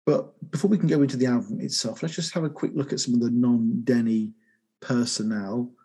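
An English man hosting a casual music podcast, talking in a jokey, enthusiastic, easily excited way. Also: mid-range voice, brisk, slightly rough. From England. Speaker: podcast host.

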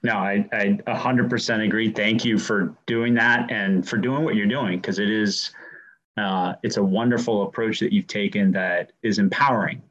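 Lowish-voiced male podcast host, slightly muffled. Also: steady tone, moderate pace, a bit bright. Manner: appreciative, affirming. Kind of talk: casual interview chat.

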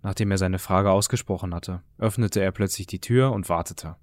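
A man reading an audiobook in a calm, measured way. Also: sits low. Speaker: narrator.

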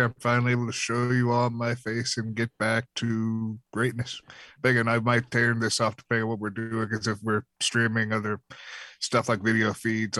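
A man talks casually as a podcast co-host. His mid-pitched voice stays quite flat, and the recording is dry. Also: no echo. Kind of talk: casual chat.

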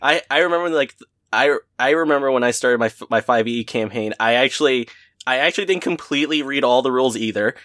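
A man's voice: mid-range voice, fast, fairly bright tone, no room sound, clean studio sound. A man chatting casually as a guest game master, rambling with many restarts and frequent laughs. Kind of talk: casual podcast chat.

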